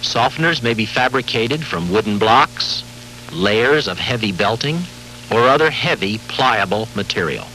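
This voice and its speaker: A man giving formal, measured scripted narration for a safety training film, heard from a worn VHS tape copy with faint hiss and hum. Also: fairly low pitch, pushed and bright, low-quality recording. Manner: measured, formal, authoritative delivery.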